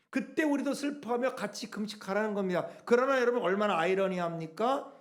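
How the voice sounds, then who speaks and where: A middle-aged man delivers a sermon from the pulpit. His voice sits high and moves with lively swings in pitch. He poses question after question to the congregation and slips briefly into quoted voices. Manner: animated preaching with rhetorical questions; acts out quoted speech. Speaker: pastor.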